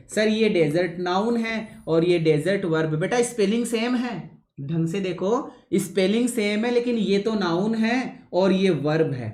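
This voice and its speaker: In a classroom lecture, a male exam-coaching English teacher covers vocabulary in a high-pitched, darkish voice. He slows his normally fast delivery on purpose, pauses often to ask whether students understand, and calls them son. The room echoes.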